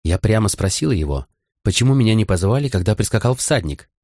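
A man's voice: on the low side, sing-song, fast, a little mellow, dry recording, clean studio sound. A man reading an audiobook, voicing a young queen who speaks urgently and confidingly. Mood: worried. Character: young grieving queen, earnest and direct. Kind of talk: audiobook character voice.

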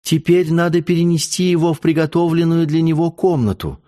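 A man reading a calm, sensible nun. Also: a little high, a little fast, natural voice.

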